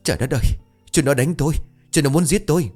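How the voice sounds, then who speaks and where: A man doing a hot-tempered shouting older guy. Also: on the low side, animated, quick pace, soft background music, close to an everyday voice. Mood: furious. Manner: shouting, wailing complaints. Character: hot-tempered middle-aged man, loud and defensive.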